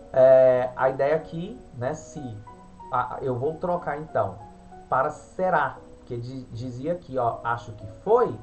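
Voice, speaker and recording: A woman teacher with a Brazilian Portuguese accent, patiently walking pupils through an exercise correction in a remote class. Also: deep voice. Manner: patient, explanatory, frequent "né" tag questions.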